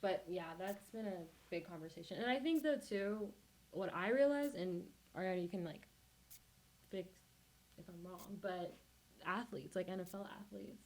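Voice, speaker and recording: A woman's voice: mid-range voice, moderate pace, rough recording. A young woman, hosting a student podcast in casual chat and laughing often. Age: young adult. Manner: chatty, animated, laughs often.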